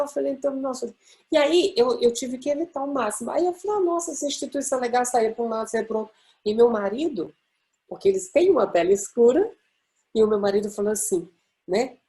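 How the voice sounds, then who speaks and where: A middle-aged woman from Brazil giving a personal testimony, telling her story in an animated way and acting out the quoted dialogue. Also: medium pitch. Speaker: guest speaker.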